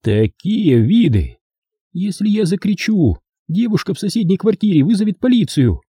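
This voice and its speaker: A man's voice: high voice, big pitch swings, normal speed, mellow, breathy edge, no room sound, clean studio sound, voice pushed up, heavily acted. A man voicing a prim, prickly young woman secretary who speaks sharply and indignantly in an audiobook reading. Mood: teasing warning.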